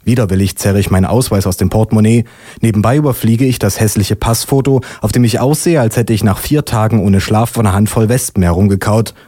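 A man performs a sardonic spoken-word story in a dry, deadpan way. His tone is mellow and unforced. The sound is dry and close, with no room around it. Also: lowish voice, quick pace, no echo. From Leipzig. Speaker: poetry slammer.

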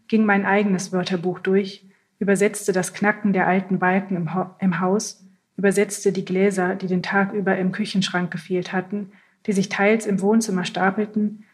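A woman reads first-person literary prose aloud at a calm, measured pace. Her pitch sits in a middle range and barely moves, which gives the narration a steady, even, almost flat feel. It sounds like a scripted audiobook reading.

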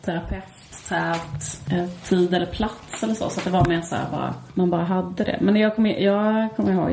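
Mellow-voiced woman, casual chat. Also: fairly low pitch, gravelly. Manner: animated storytelling, acting out quotes. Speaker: podcast co-host.

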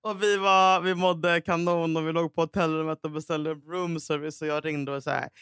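A woman's voice: sits low, flat delivery, fairly bright tone, clean tone, no echo, clean studio sound. A young woman co-hosting a podcast, telling self-mocking anecdotes in casual chat with laughs and swearing. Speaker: podcast co-host.

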